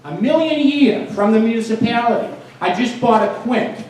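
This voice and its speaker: A man in his sixties from the United States, with a Boston accent, delivers an informal, emphatic public speech in plain-spoken style; his voice is very high-pitched, a little mellow, with lively intonation at a normal speed. He is a guest speaker who works as a fire protection engineer and serves as town mayor. The recording is very echoey, with a distant microphone and faint noise.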